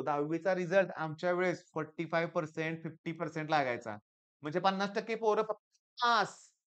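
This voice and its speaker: A middle-aged man from Maharashtra with a Marathi accent, a tutor giving a motivational coaching talk to exam students, emphatic and repetitive, swinging between loud stresses and quiet asides. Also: fairly high pitch, smooth, highs cut off. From Maharashtra, India. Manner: emphatic, often repeats "lakshat ghya".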